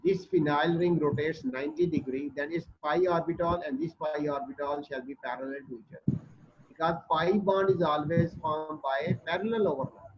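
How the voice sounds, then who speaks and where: A man with a North Indian accent giving a classroom chemistry lecture, explaining and checking understanding with short tag questions. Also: on the high side. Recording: dull muffled audio with background noise.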